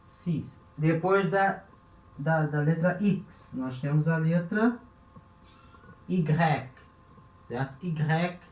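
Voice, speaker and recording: A man's voice: fairly high pitch, drawn-out words, pauses often. A Brazilian man teaching a language lesson, patiently repeating each example word and checking in with the listener after nearly every phrase. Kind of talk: classroom-style language lesson. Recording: roomy, dull lo-fi recording.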